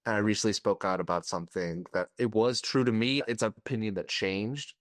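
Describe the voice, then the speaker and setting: Podcast guest, man, low voice, dry close sound, candid and searching. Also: a little fast, no room sound. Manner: candid, searching, a little emotional. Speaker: podcast guest, party coach.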